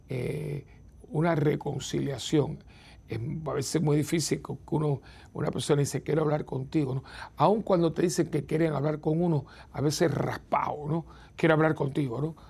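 A priest hosting a program, chatting to his viewers in an unhurried, reflective way, repeating words and adding little tag questions. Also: fairly high pitch, fairly even intonation, gravelly, dark tone, husky. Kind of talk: conversational talk to viewers.

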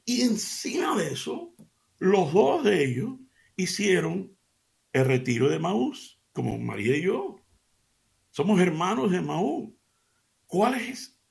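A middle-aged man hosting a radio devotional, telling an anecdote in an animated way and speaking to his listeners as family. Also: vocal fry. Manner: addresses listeners warmly as family; animated storytelling, pitch jumps up for emphasis. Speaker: radio show host.

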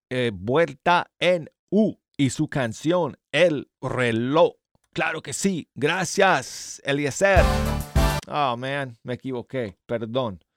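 A man's voice: medium pitch, dry recording, studio quality. A man hosting a live radio music show in a chatty, self-deprecating way, his speech slightly impeded and lisping from new dental braces. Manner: friendly, informal, joking at himself. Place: radio studio. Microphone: close studio microphone.

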